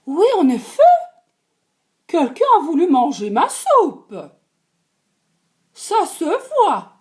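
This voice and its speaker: Lady doing mama bear, stern mom voice, loud and high, storybook scolding. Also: wildly swooping pitch, slow, heavily acted. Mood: indignant.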